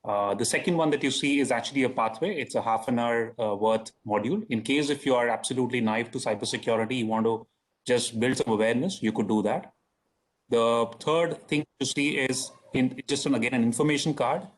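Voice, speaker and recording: Husky-voiced man explaining matter-of-factly. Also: mid-range voice, brisk. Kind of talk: webinar explanation. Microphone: video call.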